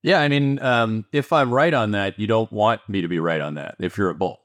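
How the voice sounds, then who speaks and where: A man with a Canadian accent, an investment firm founder answering interview questions in an animated, emphatic way with sarcastic asides. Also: fairly low pitch, fairly quick, no room sound, clean studio sound.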